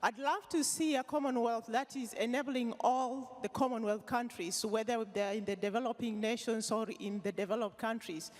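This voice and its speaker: A woman from the audience asking a question at a forum, measured and with hesitant fillers. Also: on the high side, fairly even intonation. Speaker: audience member. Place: large conference hall. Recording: reverberant hall.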